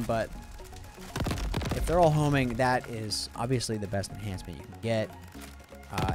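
A young man talks through his gameplay in a loose, chatty way, weighing choices aloud and catching his own mistakes. His voice sits at an ordinary middle pitch. Music plays clearly underneath him. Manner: chatty, thinks aloud, self-correcting. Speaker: gaming YouTuber. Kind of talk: casual gameplay commentary.

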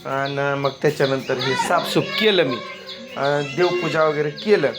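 A man's voice: on the high side, moderate pace, very noisy. A father chatting casually in a family vlog, playful and teasing as he calls out to his children. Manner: playful, teasing, often calling out to the kids.

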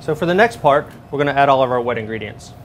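Talking fast at a medium pitch, a man in his thirties demonstrates recipes in a big professional kitchen. His lapel mic picks up slight background noise as he gives steady, step-by-step cooking instructions.

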